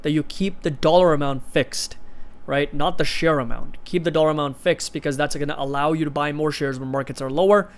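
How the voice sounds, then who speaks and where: A fairly high-pitched male voice, brisk with few pauses. He's an Indian man in his twenties hosting a livestream for an investing channel, chatting casually while answering viewers' comments.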